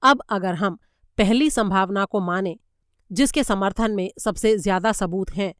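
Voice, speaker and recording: A cool-headed male detective, as a woman narrator puts him on, lays out his reasoning step by step. His delivery is measured and even. The voice is smooth, close and dry. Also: medium pitch, no echo, lightly acted. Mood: methodical. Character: Hercule Poirot, calm methodical male detective.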